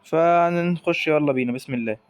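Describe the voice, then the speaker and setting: A young gaming YouTuber with an Egyptian Arabic accent gives hyped live commentary on a football video game, calling out to the players on screen. His voice is fairly high and a little fast. The lo-fi recording has faint music behind it.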